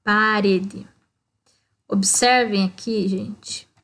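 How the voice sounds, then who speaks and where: The speaker is a Brazilian woman giving a primary school lesson, her voice mid-range and a bit bright with fairly even intonation. With a Brazilian Portuguese accent, she explains slowly, step by step, frequently using "ó" and asking "tá?" to check in.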